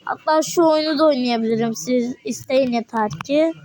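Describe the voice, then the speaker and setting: A teenage girl giving casual, excitable gameplay commentary, chatting to viewers and getting easily frustrated. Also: sits high, moderate pace, low-quality recording. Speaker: gaming video creator. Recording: music playing behind the voice.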